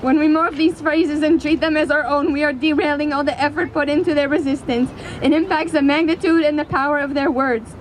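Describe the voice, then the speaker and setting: High-voiced woman giving an impassioned speech. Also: steady tone, rough recording. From Canada. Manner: earnest, impassioned, deliberate oratory. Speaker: activist speaker at a rally. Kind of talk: prepared public speech. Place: outdoors in a city square. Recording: outdoor public square with city traffic noise.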